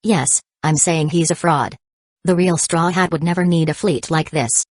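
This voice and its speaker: A harsh male navy commander lays down orders, read out by a woman for a storybook audio. He sounds cold and commanding, low in pitch. The sound is close and dry. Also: normal speed, darkish tone, no echo. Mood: stern.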